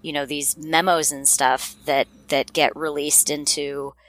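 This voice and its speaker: A woman's voice: low voice, flat delivery, a little slow, a bit bright. A woman guesting on a podcast, chatting about fandom with an enthusiastic, relatable manner. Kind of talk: casual podcast discussion.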